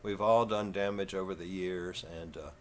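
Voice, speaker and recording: A man in his fifties with a Texan southern twang, talking slow and folksy in a rambling, casual vlog. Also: low voice, steady tone, slight background noise. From Texas. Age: 50s. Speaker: vlogger.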